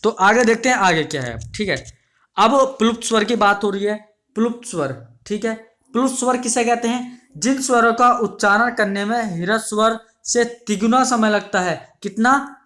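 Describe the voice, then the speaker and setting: Speaking in a high-pitched, pushed and bright voice, a man drills grammar definitions slowly for exam prep. He repeats each one, answers his own questions, and addresses his students as his dear children.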